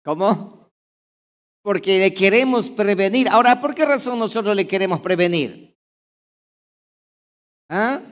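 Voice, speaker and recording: A man's voice: high voice, expressive, unhurried, long pauses. A man pastor giving a sermon, talking straight to his congregation with repeated rhetorical questions and insistent repetition. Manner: addresses the congregation directly.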